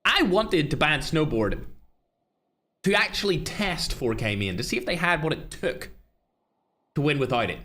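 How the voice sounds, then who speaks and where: Animated streamer man hosting a live tournament. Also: a little high, normal speed, long pauses. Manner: casual, chatty, shouts out viewers. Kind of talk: live-stream commentary and chat.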